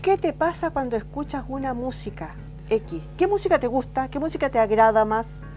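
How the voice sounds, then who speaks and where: A woman's voice: high-pitched, lively intonation, moderate pace, darkish tone, soft background music. A woman with a Chilean accent co-hosting a talk show, curious and asking many questions. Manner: curious, asks many questions with short "ya" replies. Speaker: co-host. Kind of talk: casual conversation on a talk show.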